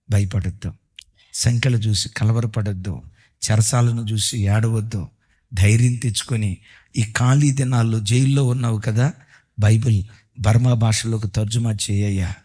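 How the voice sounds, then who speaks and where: A man's voice: fairly low pitch, mellow, pitched below the performer's own voice, lightly acted. A man voicing a steadfast young wife. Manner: pleading, encouraging.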